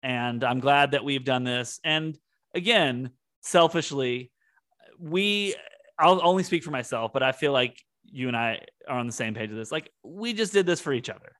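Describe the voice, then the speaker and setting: A man's voice: medium pitch, animated, moderate pace, fairly bright tone. A man co-hosting a podcast, talking in an earnest, reflective way as he thinks aloud. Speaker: podcast co-host. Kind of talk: casual heartfelt conversation.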